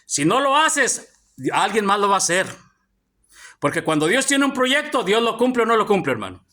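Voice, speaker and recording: A man's voice: sits high, sing-song, moderate pace, bright, forceful tone. A male pastor preaching a sermon to his congregation in a church hall, constantly calling out to his brothers. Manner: preaching with frequent calls of "hermano" to the congregation.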